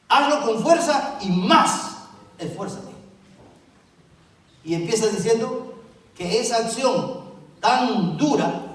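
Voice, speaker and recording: A middle-aged man preaches in a fairly high voice, stressing and repeating key words and asking the congregation questions. He sounds distant from the mic in a very echoey church sanctuary. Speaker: pastor. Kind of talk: sermon.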